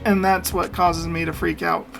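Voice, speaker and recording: A man's voice: high voice, flat delivery, moderate pace, gravelly, a bit bright, faint music behind. A man hosting a meme reaction video, talking casually and opinionatedly, rambling and laughing often. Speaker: meme reaction channel host. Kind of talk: casual commentary.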